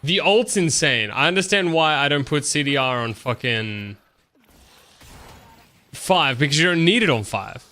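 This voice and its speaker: A man's voice: fairly high pitch, expressive, a little slow, bright, forceful tone. A man streaming a game with casual, offhand commentary, thinking aloud and swearing freely. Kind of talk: casual live gameplay commentary.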